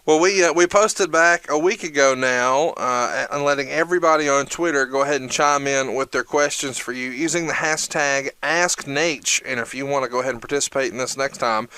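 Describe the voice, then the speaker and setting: A man's voice: medium pitch, a little fast, few pauses, pushed and bright, clean tone. An American man co-hosting a podcast, introducing the show and reading out listener questions in a conversational style. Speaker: podcast co-host.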